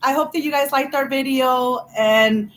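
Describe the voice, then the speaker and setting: A woman's voice: sits high, unhurried, a bit bright, rough recording. A woman vlogger chatting casually, rambling and effusive with many restarts. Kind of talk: casual chat.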